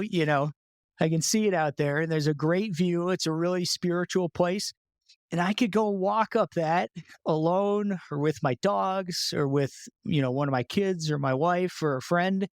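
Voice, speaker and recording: A man with a notably high-pitched voice talks in a loose, chatty way as a podcast guest, full of filler words and quick laughs. The sound is close and dry with almost no room tone. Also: no room sound. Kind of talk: casual conversational interview.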